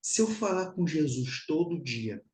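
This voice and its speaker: A man's voice: a little high, sing-song, unhurried, a little mellow, echoey room, a little hiss or hum, low-quality recording. A Brazilian man giving a spiritual teaching talk, emphatic and repetitive, calling his listeners brothers and sisters.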